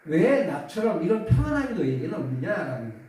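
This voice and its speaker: Lively pastor preaching in an echoey hall. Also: male voice, quick pace. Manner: conversational preaching, acts out quoted voices with rising pitch. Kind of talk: sermon. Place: church sanctuary. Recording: echoey church hall from far off.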